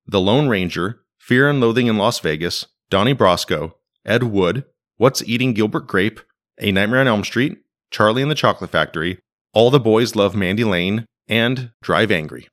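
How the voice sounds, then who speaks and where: A man's voice: on the low side, lively intonation, normal speed, a bit bright. A man hosting a podcast in casual, wry conversational commentary, recorded in a living room. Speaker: podcast host. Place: living room used as a home studio.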